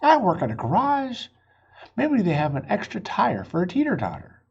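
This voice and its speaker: Guy doing an upbeat helpful neighbour lady from a kids book, raised pitch, animated. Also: normal speed, vocal fry, muffled recording, a little hiss or hum, exaggerated voice. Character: helpful woman garage-worker neighbour in a storybook.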